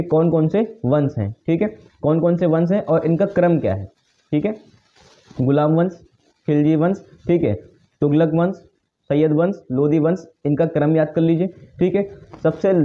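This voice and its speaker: A man teaching an exam-prep lesson in a casual spoken way, tagging nearly every phrase with "theek hai" and answering his own questions. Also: a little high. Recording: dull lo-fi recording.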